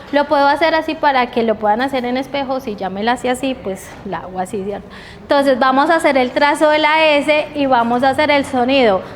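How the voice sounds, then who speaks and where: Woman trainer in a reverberant hall. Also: sits high. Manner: models letter sounds slowly, stretching them for teachers; asks the group check questions. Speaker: teacher trainer. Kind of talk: training workshop lecture. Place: training room. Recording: reverberant hall with faint background noise.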